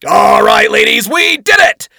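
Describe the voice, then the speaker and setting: A man voicing a crude, swaggering male archangel commander who shouts and swears. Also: very high voice, sing-song, measured pace, vocal fry, no room sound, clean studio sound, voice pushed up, exaggerated voice. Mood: rowdy bragging.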